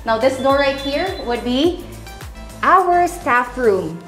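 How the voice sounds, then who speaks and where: A woman's voice: sits high, animated, slow pace, over music. A young woman from the Philippines hosting a real estate house tour, walking through rooms and talking upbeat and salesy to her viewers. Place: large empty townhouse interior, indoors. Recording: roomy echo from bare rooms.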